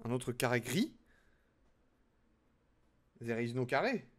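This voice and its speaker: A man's voice: medium pitch, sing-song, slow pace. Chatty young man streaming while building. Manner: chatty, self-mocking, talks to chat while working. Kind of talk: casual live-stream chat while building Lego.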